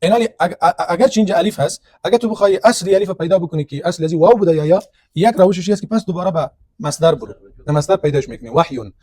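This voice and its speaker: A man's voice: sits high, animated, mellow, no echo. A man teaching a grammar lesson, explaining step by step and asking and answering his own questions. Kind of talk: classroom lecture on grammar.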